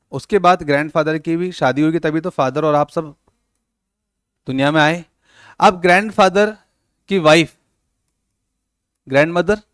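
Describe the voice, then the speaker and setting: A fairly high-pitched man gives a classroom lecture for a coaching class, teasing students and dramatizing little scenes in his explanations. He speaks a Hindi-English mix with a Rajasthani accent, and the clean studio sound has no room sound.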